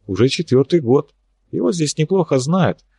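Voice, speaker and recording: A man's voice: fairly high pitch, animated, normal speed, creaky, dark tone, husky, no echo, pitched above the performer's own voice, heavily acted. A wry young woman scientist, anxious under her irony, speaks in a lightly lifted voice, as a male audiobook reader puts her on. The recording is dry and close, with no room around it.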